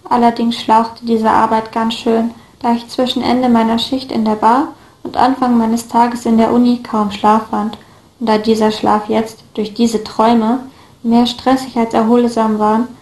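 A woman narrating a first-person story in a steady, even reading voice. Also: fairly high pitch, moderate pace. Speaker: audiobook reader. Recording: echoey room.

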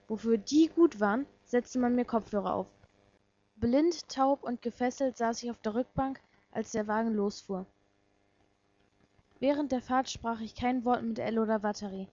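A woman reading a first-person story aloud in a soft, subdued, dramatic way. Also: fairly high pitch. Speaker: story reader. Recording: dull lo-fi recording.

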